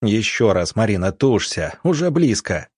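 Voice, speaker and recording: Field doctor, voiced by the narrator; low, terse, firm commands. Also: male voice, very animated, normal speed, darkish tone, breathy edge, no room sound, studio quality. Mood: commanding. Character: calm authoritative field doctor, middle-aged man.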